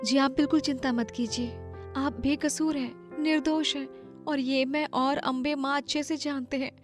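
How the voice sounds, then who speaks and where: Woman as a high-voiced, devout, determined wife. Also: steady tone, unhurried, over music. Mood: earnest resolve. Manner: earnest, emphatic, pleading. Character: devout, loyal young wife and mother, determined. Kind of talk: acted Hindi moral story.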